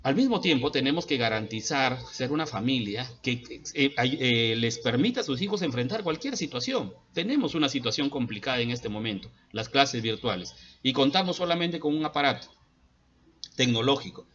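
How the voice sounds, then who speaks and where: A man's voice: mid-range voice, sing-song, normal speed, a bit bright, highs cut off. Middle-aged man lecturing parents. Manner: earnest and lecturing, with frequent hesitant fillers. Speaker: school psychologist. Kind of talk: advice talk to parents. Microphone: laptop.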